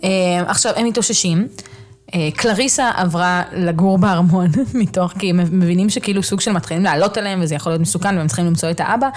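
A woman hosting a podcast, retelling a novel's plot in a chatty, animated way with many hesitations. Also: on the low side. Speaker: podcast host. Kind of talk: casual book recap.

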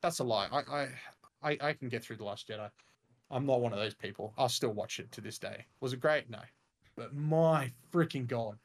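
A young man chats on a podcast in a mid-pitched voice. He rambles eagerly, piling on fillers like "like" and "freaking". His delivery is loose and unscripted. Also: normal speed. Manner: enthusiastic, rambling, says "freaking" and "mate" a lot. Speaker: podcast co-host. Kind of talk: casual chat.

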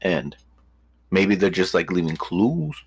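A man's voice: sits low, big pitch swings, slow, slightly rough. A man co-hosting a casual podcast, swearing freely and repeating his points with emphasis. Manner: profane, emphatic, repeats himself. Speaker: podcast co-host. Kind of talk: casual chat.

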